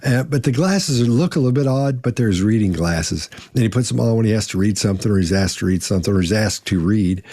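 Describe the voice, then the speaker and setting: A man's voice: lowish voice, lively intonation, brisk, few pauses, mellow, no echo, studio quality. A man hosting a casual panel discussion, rambling and restarting as he gives his read on body language. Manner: rambling, with many fillers and restarts. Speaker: panel host.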